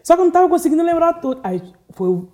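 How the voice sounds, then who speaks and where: Woman, guest singer, rapid talk, very mellow dark tone, animated storytelling. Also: very high-pitched. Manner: animated storytelling, acts out quoted dialogue. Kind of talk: casual testimony chat.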